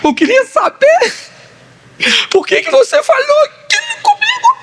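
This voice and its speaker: A man putting on the voice of an angry wife who yells and insists she is calm, in a shrill, indignant tone. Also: unhurried, noisy background, heavily acted. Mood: tearful pleading.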